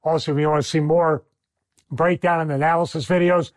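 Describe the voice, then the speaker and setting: A man's voice: on the high side, steady tone, a little fast, dry recording. A middle-aged man with a Philadelphia accent, hosting and commenting over wrestling footage, emphatic and repeating phrases for stress. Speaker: host, wrestling analyst.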